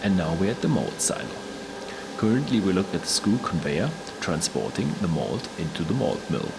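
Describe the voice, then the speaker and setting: A male tour presenter with a very low, gravelly voice describes the sights in a lively, varied pitch. It is a noisy location recording with ambient hum behind him. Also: normal speed.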